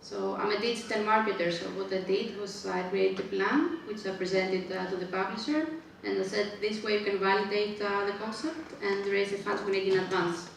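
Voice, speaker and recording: A woman's voice: mid-range voice, steady tone, brisk, creaky, hardly any pauses. A woman from Greece, a native Greek speaker, presenting her children's book, speaking hesitantly with many filler sounds between phrases. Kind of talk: public book presentation talk. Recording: distant, very echoey room with faint ambient noise.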